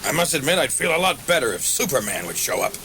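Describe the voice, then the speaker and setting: A man's voice: on the high side, very animated, fast, sharp tone, a little hiss or hum, rough recording. A man doing a worried police inspector. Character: worried middle-aged male police inspector. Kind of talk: audiobook character voice.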